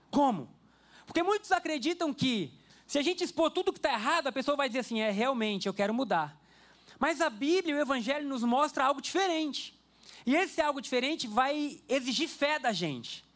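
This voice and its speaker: Pastor, male, unusually high voice; lively, chatty preacher telling stories to his church. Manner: lively storyteller, speaks directly to the congregation. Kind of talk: conversational sermon with personal stories. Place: church service before a congregation.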